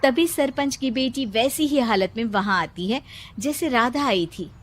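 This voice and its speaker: Female narrator, slightly high pitch, scripted storytelling, cartoon tale. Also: lively intonation, measured pace.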